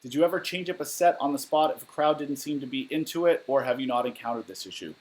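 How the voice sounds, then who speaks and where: A man's voice: mid-range voice, quick pace, darkish tone, low-quality recording. A man in his thirties from Southern California, casually reading out and answering viewer questions on a livestream in his living room, candid and rambling with fillers. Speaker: musician livestreaming Q&A. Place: living room at home, indoors. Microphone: webcam or laptop mic at desk.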